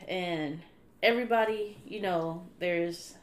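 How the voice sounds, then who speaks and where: A woman guest in a casual faith chat, speaking in a relaxed, affirming way and thinking aloud. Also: fairly low pitch, slow. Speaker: podcast guest.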